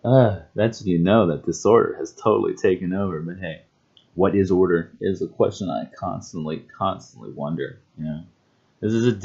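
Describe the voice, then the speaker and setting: Rambling, chuckling man with a lowish voice. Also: creaky, dark tone, slightly rough, highs cut off. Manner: rambling and musing, breaks into chuckles. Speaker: vlogger. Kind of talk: casual self-introduction monologue.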